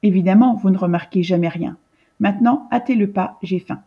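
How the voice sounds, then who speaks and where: Teasing male adviser read by a woman, husky, lo-fi recording. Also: mid-range voice, a little fast. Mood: mocking.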